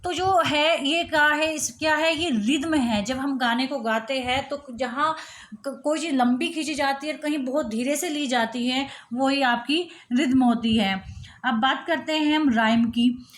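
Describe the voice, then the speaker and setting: A woman teaching literary terms, who asks questions and answers them herself, and reads English lines out slowly, word by word. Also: sits high. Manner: explains step by step, asks and answers her own questions.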